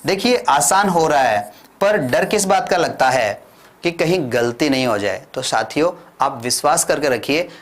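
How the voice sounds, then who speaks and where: A man's voice: on the high side, animated. Indian man teaching English drills. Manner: drills slow, drawn-out English model sentences; asks the class and answers himself. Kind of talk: classroom lesson in Hindi with English drills. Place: classroom with whiteboard.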